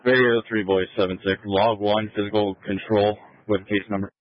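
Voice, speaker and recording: A man's voice: fairly low pitch, flat delivery, normal speed. A police officer, a man, calling in terse codes over a police radio transmission. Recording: tinny dry two-way radio.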